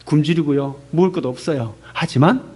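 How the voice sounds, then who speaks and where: A man in his fifties, a missionary pastor, gives an animated testimony sermon in a church service and puts questions to the congregation. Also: on the high side, a little fast, slightly rough. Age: 50s.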